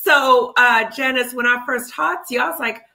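A woman in her fifties with a bright, forward voice hosts a casual podcast conversation. She talks in a chatty, animated way, full of ums and quick asides. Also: high-pitched, vocal fry. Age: 50s. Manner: chatty, animated, with many fillers. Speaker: clinical psychologist, podcast host.

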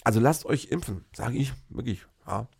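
A man's voice: medium pitch, animated, moderate pace, gravelly, darkish tone, slightly rough. A man in a casual, rambling political rant, sarcastic and full of fillers and restarts.

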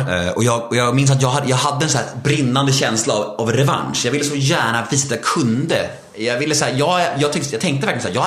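Here a man in his thirties with a Swedish accent tells his life story openly as a podcast guest, his medium-pitched voice a bit bright and the sound roomy. His talk is full of repetitive restarts and the frequent filler "liksom."

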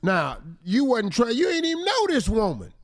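Lively high-voiced man teasing on air. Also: moderate pace, no room sound, studio quality. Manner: teasing, mock-quotes the letter writer. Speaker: radio show co-host giving advice. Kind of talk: comic relationship advice chat.

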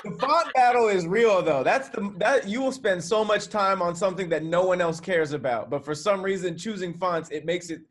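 A man's voice: sits high, moderate pace, few pauses. A man in a casual podcast chat, speaking in a laid-back, joking way.

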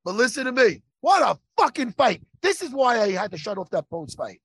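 A man hosts a loose, profane chat, telling stories at a lively clip. His voice sits high and swings widely, with a gravelly, husky edge. The sound is close and dry. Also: fairly quick, dry recording. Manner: animated, profane, laughing storyteller. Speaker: podcast host. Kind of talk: casual chat.

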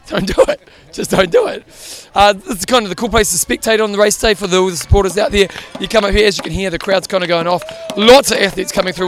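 Quick, higher-pitched Kiwi male host. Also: a bit bright. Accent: New Zealand. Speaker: show host. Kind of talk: casual on-location podcast reporting. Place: outdoors at a triathlon roadside.

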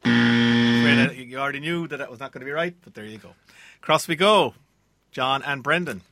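A man's voice: mid-range voice, fairly quick, noisy background. An Irish man hosting a quiz, reading out questions and bantering with contestants. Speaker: quiz host.

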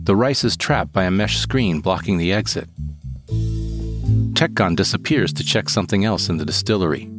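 A man reading a first-person story in a calm, measured way. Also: sits low. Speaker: narrator. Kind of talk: scripted first-person narration. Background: guitar music.

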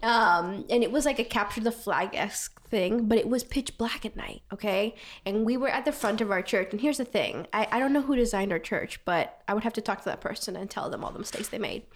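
A young woman chatting casually, telling a story in an animated way with frequent laughs and lots of "like". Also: mid-range voice, fairly quick, hardly any pauses.

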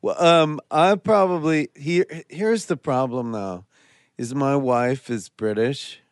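A man with a smooth, resonant voice chats loosely on a podcast, drifting into jokes and offhand stories. His pitch sits at an ordinary middle level. The sound is close and dry, with no room around it. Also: slow, no room sound. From United States. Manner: joking, laid-back storyteller. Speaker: podcast co-host. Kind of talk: casual chat.

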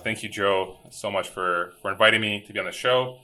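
Brisk and sharp-toned, with a voice on the low side, this Chicago man is a company founder sharing his story from home over a remote call. His manner is relaxed, peppered with word repeats and "like."

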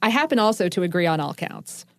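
A woman's voice: lowish voice, expressive, fast talker, no room sound, studio quality. A woman co-hosting a podcast, explaining food history and science in a chatty, enthusiastic way with lots of asides. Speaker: podcast co-host.

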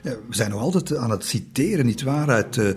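A man's voice: medium pitch, lively intonation, fairly quick. Man telling history casually. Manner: conversational, hesitant, full of fillers and tag questions. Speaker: history storyteller. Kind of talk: casual spoken history narration.

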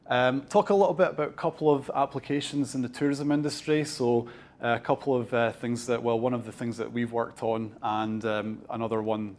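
Man presenting to a room, chatty, filler-heavy, mid pitch. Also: darkish tone. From Scotland. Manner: chatty, many ums and restarts, laughs at own jokes. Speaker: company co-founder giving a talk. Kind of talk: conference presentation. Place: event room with an audience.

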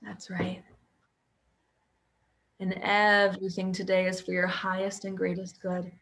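A woman guiding a hypnosis session as a hypnotherapist, speaking softly and soothingly in repetitive phrases. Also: mid-range voice, monotone, moderate pace, a little hiss or hum, low-quality recording.

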